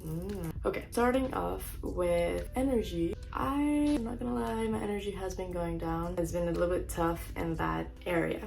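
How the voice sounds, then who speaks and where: A woman's voice: on the low side, moderate pace, creaky, hardly any pauses, a little mellow, soft background music. A young woman chatting casually to camera in a vlog, upbeat and full of "like" fillers. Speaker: fitness vlogger. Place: home, then gym.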